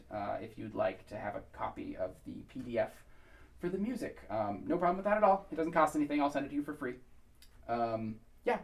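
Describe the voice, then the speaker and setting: A man leading a pronunciation lesson for a choir song, slow and careful over each word. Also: mid-range voice, creaky, far from the mic.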